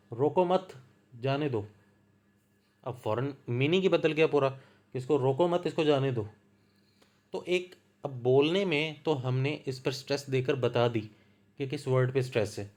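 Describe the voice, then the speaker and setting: A man with a Punjabi accent giving a slow, patient lecture, explaining ideas through worked examples. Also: on the high side. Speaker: literature lecturer.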